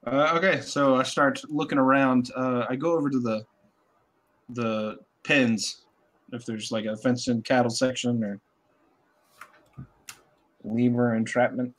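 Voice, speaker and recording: A man playing a tabletop game, speaking casually and haltingly in character. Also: mid-range voice, fairly even intonation. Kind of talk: casual in-character role-play.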